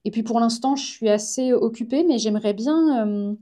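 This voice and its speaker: Chatty woman with a mellow voice. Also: on the high side, moderate pace. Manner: chatty, informal, enthusiastic. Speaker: guest, comic artist and science journalist. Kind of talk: casual live-stream chat.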